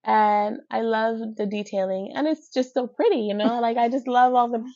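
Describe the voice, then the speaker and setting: A woman with a New York accent, talking casually as a podcast guest about her work as a fashion designer, chatty and quick to laugh. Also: a little high, steady tone, a little mellow, lo-fi sound. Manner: chatty, laughs easily, quotes her own thoughts.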